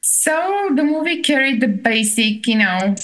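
A woman's voice: sits high, big pitch swings, measured pace, a bit bright, poor audio. A middle-aged woman from Bulgaria with a thick Bulgarian accent, chatting casually as a podcast guest. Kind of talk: casual chat.

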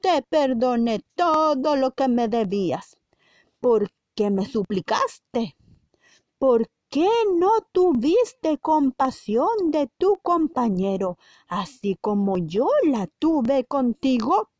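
A woman's voice: sits high, animated, slow, a little mellow, no echo, dull audio. A woman voicing an angry king who scolds a servant in a storybook parable. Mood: scolding. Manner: scolding, commanding.

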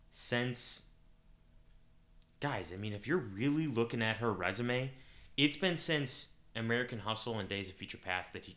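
A young man hosts a podcast alone, talking casually in a rambling way and often stopping to correct himself. His voice sits a little low but comes across bright and forceful. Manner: rambling, self-correcting, thinks aloud. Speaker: podcast host. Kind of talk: casual solo podcast chat.

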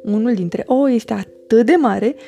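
A woman reading a children's storybook aloud with an expressive, animated delivery. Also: on the high side, creaky, soft background music.

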